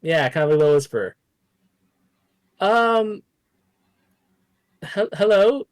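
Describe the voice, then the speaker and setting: A man narrating a tabletop game as game master, animated and casual, swearing freely. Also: high-pitched, slow, dry recording.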